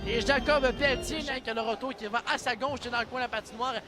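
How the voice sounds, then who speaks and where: A man with a Quebec French accent giving excited sports commentary as an ice hockey play-by-play announcer, urgent and ready to burst into shouts. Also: extremely high pitch, fast. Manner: urgent calls that burst into shouts on shots and goals. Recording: loud arena crowd and music behind. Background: cheering crowd and arena music.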